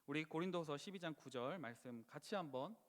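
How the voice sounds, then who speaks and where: Speaking a little fast in an animated voice on the high side, a man preaches a Friday prayer sermon, earnest and imploring, now and then crying out passionately. Long reverb from the church sanctuary hangs over his words.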